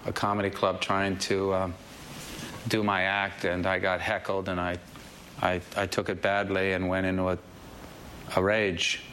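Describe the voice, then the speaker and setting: A subdued man speaks over a live satellite link feed, his words halting and apologetic. His voice sits low with a flat, narrow pitch, yet has a bright, sharp edge. A faint hiss of ambience sits under the line. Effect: live satellite link feed from a distant studio. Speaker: talk show guest. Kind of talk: televised interview answer.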